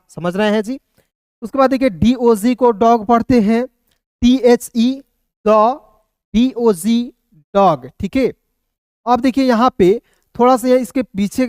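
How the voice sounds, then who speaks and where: A man teaches an online English reading class, taking each word apart letter by letter and checking in with his viewers as friends. His voice is smooth and clear. The recording is dry, with no room echo. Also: sits high, darkish tone. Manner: spells words letter by letter, often calls listeners friends.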